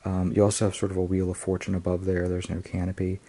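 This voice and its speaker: A very low-voiced man with a husky, mellow tone talks through a tarot deck card by card. His delivery stays flat and even, full of ums and small restarts as he thinks aloud in a relaxed review. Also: fast talker. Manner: hesitant, frequent ums and restarts. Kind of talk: casual unboxing review.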